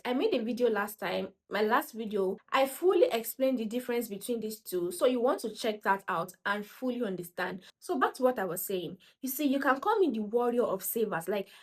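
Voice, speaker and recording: A woman's voice: on the high side, expressive, a little fast, few pauses. A woman gives casual, motivational finance talk to camera. She speaks emphatically and repeats her points. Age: 20s. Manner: emphatic, repeats points, acts out quoted voices. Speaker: personal finance vlogger.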